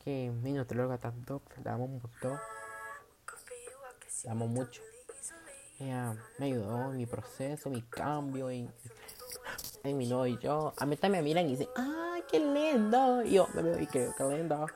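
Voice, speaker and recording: Un hombre con acento centroamericano que habla en su podcast de forma casual, chismosa y presumida, con cambios dramáticos de tono. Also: male voice, fairly even intonation, normal speed, long pauses, music in the background. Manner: dramatic, gossipy and boastful, with big swings in pitch and loudness. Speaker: podcast host.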